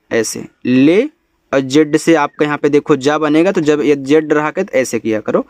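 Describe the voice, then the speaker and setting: Guy teaching english spelling, a bit high voice, dry close sound. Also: darkish tone, no echo. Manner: spells out letters slowly, then explains in Hindi. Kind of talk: spelling lesson.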